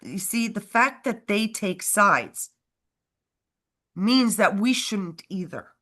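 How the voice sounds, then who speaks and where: A stuffed-up woman with a cold co-hosts a casual political livestream in an expressive, mid-range voice with a fairly bright tone. She takes her time, rambling, laughing often, and breaking off mid-sentence.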